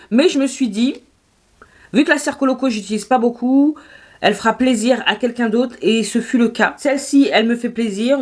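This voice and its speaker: A woman with a French accent, chatting casually through a makeup review, animated and quick to laugh. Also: fairly high pitch. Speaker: beauty vlogger.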